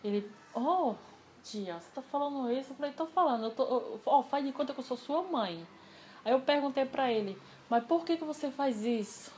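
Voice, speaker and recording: A woman telling a personal story in a casual interview, animated and acting out the dialogue she quotes. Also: high-pitched, moderate pace, a little hiss or hum.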